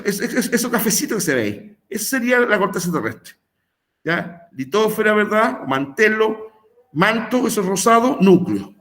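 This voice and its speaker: Male teacher, high voice; chatty, filler-laden lecture delivery. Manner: rambling, filler-heavy, checks in with "¿verdad?" and "¿ya?". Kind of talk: recorded online class explanation.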